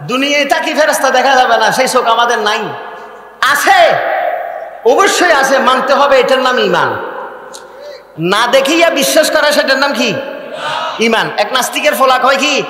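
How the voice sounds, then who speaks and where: A man's voice: very high-pitched, expressive, normal speed, pauses often. A man from Chittagong, Bangladesh, with a Chittagonian Bengali accent, preaching a sermon as a story and asking the crowd questions that he answers himself. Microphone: microphone on a PA system. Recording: echoey hall reverb through a loudspeaker.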